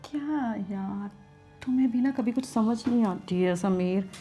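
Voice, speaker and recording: A woman plays a neglected young wife who pleads and complains in a high voice, turning coaxing, then reproachful. Faint music runs underneath. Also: normal speed, warm tone, close to an everyday voice. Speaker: actor in short film. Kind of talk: domestic drama acting.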